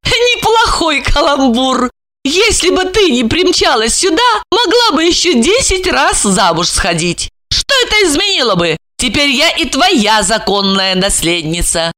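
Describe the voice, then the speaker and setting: A woman's voice: high voice, sing-song, normal speed, pushed and bright, pitched above the performer's own voice, exaggerated voice. A woman reading aloud, voicing a scheming young woman who taunts and mocks her victim. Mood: sneering. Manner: sneering, taunting.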